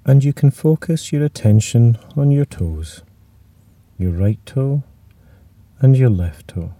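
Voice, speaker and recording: A man leading a guided muscular relaxation, speaking in a slow, soothing way that sometimes drops to a whisper. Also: on the low side, dark tone, no echo, distant mic.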